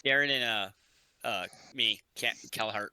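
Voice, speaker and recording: A man's voice: fairly low pitch, a little slow, sharp tone, soft background music. A man playing a tabletop game, speaking in character with curt, profane military radio talk. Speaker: player.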